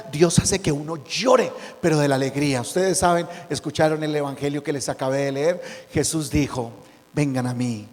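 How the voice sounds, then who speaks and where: A priest giving an emotional, dramatic sermon, telling stories and rising to loud emphasis. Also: male voice, fairly high pitch, in a large hall.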